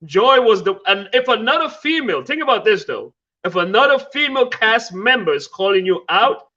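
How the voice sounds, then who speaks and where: A man with a high, bright voice argues his case in casual podcast chat, insistent and teasing. The sound is a little dull and lo-fi. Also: sing-song, brisk. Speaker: podcast co-host.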